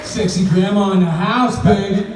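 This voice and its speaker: A man's voice: high-pitched, steady tone, normal speed, a loud crowd. A male voice actor bantering on a convention panel, full of teasing jokes. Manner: joking, teasing. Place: large convention panel hall. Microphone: panel mic through hall speakers, caught on a phone in the audience. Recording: echoey hall, phone from far off, noisy.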